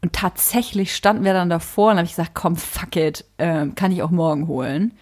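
A woman's voice: fairly low pitch, a little fast, darkish tone, husky. A woman and mother telling stories in a casual podcast chat, candid and a bit crude. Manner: candid, crude, rambling storyteller. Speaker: podcast co-host.

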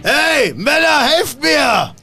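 A man voicing panicking guards in a high, loud, shouting voice. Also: animated, quick pace, creaky. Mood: alarmed shouting. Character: panicking male guards and thugs, loud and shrill.

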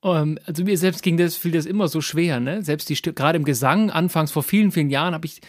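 A man hosts a podcast interview with a fairly high voice, often restarting and repeating words as he forms questions. His voice sounds dry and close to the microphone, with no room around it. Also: fast talker, dry recording. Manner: hesitant, repeats words while forming questions. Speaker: podcast host. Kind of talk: conversational interview.

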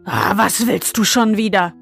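Surly storybook ogre, grumbling and slow, read by a woman narrator. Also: mid-range voice, soft background music, lightly acted. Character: grumbling male man-eating ogre, gruff and surly.

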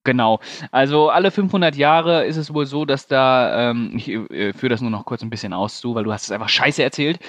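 A man's voice: medium pitch, fairly quick, hardly any pauses, fairly bright tone, no room sound. A man from Germany hosting a film podcast, steering the chat with teasing, crude jokes. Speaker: podcast host. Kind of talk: casual chat.

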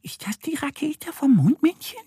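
A wide-eyed little duckling girl, voiced by a man in a children's storybook recording. The voice sits very high and leaps all over the place, full of childlike wonder. The sound is close and dry. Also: big pitch swings, normal speed, dark tone, no echo. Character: little curious female duckling.

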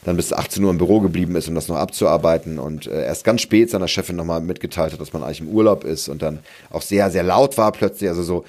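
A man's voice: low-pitched, fast talker, few pauses, darkish tone. A man hosting a solo coaching podcast, explaining with many hesitations and restarts. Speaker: podcast host, career coach.

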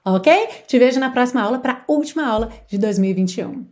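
Brazilian woman, English teacher, a bit high-pitched, patient and clear, drills pronunciation. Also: darkish tone. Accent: Brazilian Portuguese. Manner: patient, explains pronunciation by repeating words slowly. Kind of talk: music-based English lesson.

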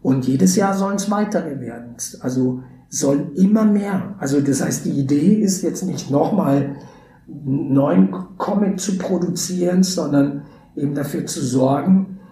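A warm, slightly high, unhurried voice belongs to a Brazilian man, a native Portuguese speaker, who guests on a podcast as a theatre educator. Across the conversational interview he's thoughtful and hesitant, restarting and using fillers often. The sound is roomy, with faint background hiss.

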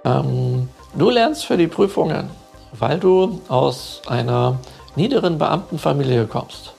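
A man voicing a strange old man who questions and guides a young student with calm patience. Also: fairly high pitch, takes it slowly, vocal fry, soft background music, full character voice. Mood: explaining.

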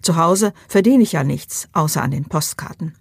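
A woman's voice: deep voice, animated, normal speed, vocal fry, husky, dry recording, clean studio sound, full character voice. A woman voicing a cool, terse seventeen-year-old girl in an audiobook, with a clipped manner.

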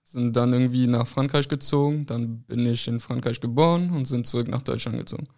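A young adult football player, born in France and raised in Berlin, gives short, hesitant interview answers packed with fillers. His medium-pitched voice is steady, brisk, and a little mellow.

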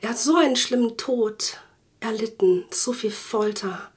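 Earnestly recounting her personal testimony, a German woman hosting a faith podcast often slows her pace and sinks to a soft whisper. Her pitch is fairly high.

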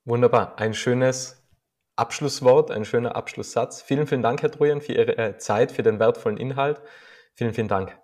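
A man's voice: medium pitch, moderate pace, a little mellow. A man hosting a podcast, asking questions and thanking his guest in a polite, formal way. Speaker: podcast host. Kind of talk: interview questions and outro.

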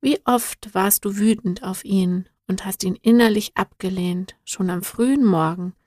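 A patient, wise guide figure from a children's storybook, speaking slowly and soothingly, his words often dropping to a soft whisper, as a woman reader voices him. The sound is dry and close, with no room around it. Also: medium pitch, no echo, natural voice. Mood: gentle, soothing. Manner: calm, soothing, at times whispered. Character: gentle wise male guide, patient teacher.

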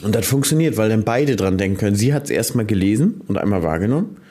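A man's voice: on the low side, animated, fast talker, warm tone. A man co-hosting a casual podcast, chatting easily about his farm work. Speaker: podcast co-host; farmer running a grain dryer. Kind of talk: casual chat.

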